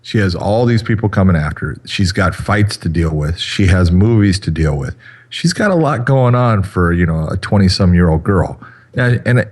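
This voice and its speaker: A man in his fifties co-hosting a podcast in casual chat, talking in a rambling way with lots of fillers. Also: fairly low pitch. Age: 50s. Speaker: podcast co-host.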